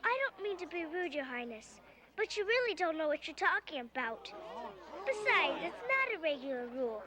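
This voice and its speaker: A woman playing an outspoken, sensible young girl in a theatrical fantasy drama, often calling out loudly. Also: very high voice, big pitch swings, moderate pace, a loud crowd. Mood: indignant, frank.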